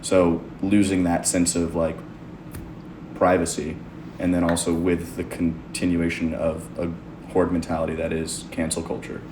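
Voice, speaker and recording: Deep-voiced young man chatting in echoey room. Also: monotone, moderate pace. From United States. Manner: chatty, rambling opinions. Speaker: podcast host. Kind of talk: casual conversation. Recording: echoey room, faint noise.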